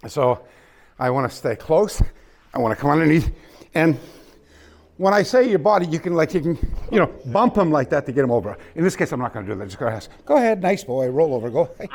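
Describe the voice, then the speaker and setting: A man teaching a hands-on martial arts class in a dojo, coaching students with quick commands and laughter. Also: a little high, big pitch swings, a little mellow. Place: dojo hall.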